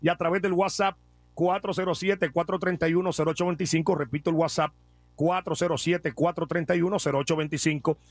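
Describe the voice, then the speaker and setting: A man's voice: on the high side, steady tone, fast, no room sound, faint music behind. A man hosting a radio call-in show, playful and chatty, reading out phone numbers. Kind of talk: lively radio call-in banter.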